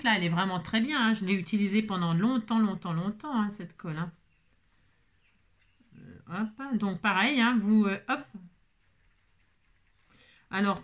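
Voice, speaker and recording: A woman hosting a casual crafting tutorial, out of breath, chatty and full of fillers and repetitions. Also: mid-range voice.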